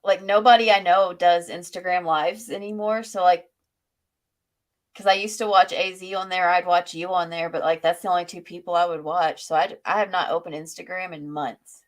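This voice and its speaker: A woman's voice: fairly low pitch, normal speed. Giggly woman hosting a livestream. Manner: giggly, animated, says "like" often. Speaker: host. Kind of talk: casual livestream chat.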